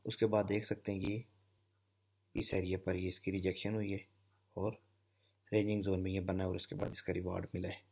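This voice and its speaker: This low-pitched man from Pakistan is a trading instructor giving a screen-share lesson on candlestick chart patterns. His delivery is flat and brisk, with vocal fry, long pauses, a darkish tone and a breathy edge. He explains each step, often asking "okay" and saying "theek hai" again and again.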